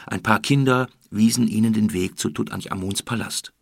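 Gravelly, husky male storybook narrator. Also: fairly low pitch, moderate pace, dry recording, studio quality. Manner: steady storytelling, voicing characters. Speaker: audiobook narrator. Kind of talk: scripted children's story narration.

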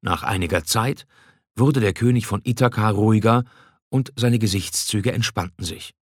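A man narrating a scripted storybook in an even, measured way. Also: fairly low pitch, no room sound, studio quality.

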